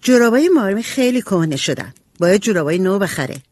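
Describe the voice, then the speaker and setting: A narrator voicing a spirited, tomboyish teenage girl who exclaims and insists loudly. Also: medium pitch, very animated, dry recording, voice pushed up. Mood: musing.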